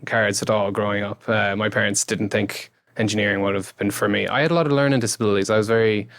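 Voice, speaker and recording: A man's voice: lowish voice, fairly even intonation, quick pace, fairly bright tone, no room sound. A man in his thirties with a west of Ireland accent, chatting casually as an interview guest in an informal, rambling way that often corrects itself. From Galway, west of Ireland. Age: 30s. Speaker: interview guest, YouTube creator and engineer.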